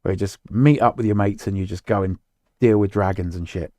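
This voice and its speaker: A man's voice: lowish voice, fairly quick, mellow, no room sound. A man co-hosting a casual chat about video games, rambling and losing his words mid-sentence. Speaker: podcast co-host.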